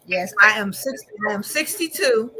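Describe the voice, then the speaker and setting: A woman's voice: on the high side, big pitch swings, normal speed, low-quality recording. A woman in her sixties introducing herself as a motivational speaker on an online call, proud and upbeat. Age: 60s. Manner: proud, upbeat, self-promoting. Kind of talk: casual self-introduction.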